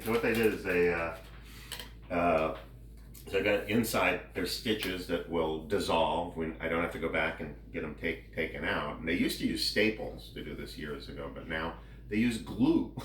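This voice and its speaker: A man giving a casual personal update in a halting, rambling way with drawn-out pauses. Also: deep voice, a bit bright. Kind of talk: casual chat. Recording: roomy, distant mic, faint background noise.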